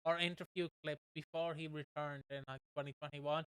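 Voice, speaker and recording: A man's voice: on the high side, level tone, brisk, fairly bright tone, clear, resonant tone, no room sound. A man hosting a casual podcast, rambling along with lots of fillers and restarts. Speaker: podcast host.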